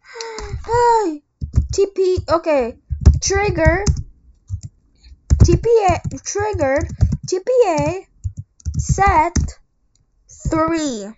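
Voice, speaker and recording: Excitable gamer, squeaky high voice, casual co-op commentary, muffled low-quality mic. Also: extremely slow, pauses often, background noise. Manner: excitable, calls out to teammates. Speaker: gamer playing with friends. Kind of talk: casual let's-play commentary.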